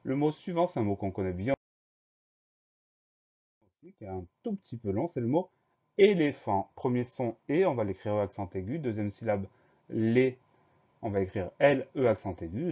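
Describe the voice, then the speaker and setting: A man teaching a spelling dictation lesson, going slowly and carefully and spelling each word letter by letter. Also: lowish voice, mellow, lo-fi sound.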